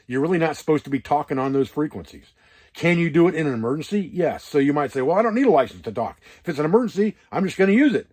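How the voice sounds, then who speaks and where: Inside a hunting camp wall tent, a man with a higher-leaning, darkish voice gives casual instruction for an outdoor preparedness vlog. He explains things in a rambling, hands-on manner.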